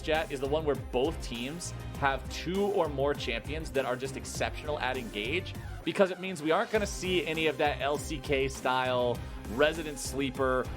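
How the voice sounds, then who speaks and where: A man doing live esports play-by-play commentary with casual banter, in a jokey, colloquial showman's manner. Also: mid-range voice.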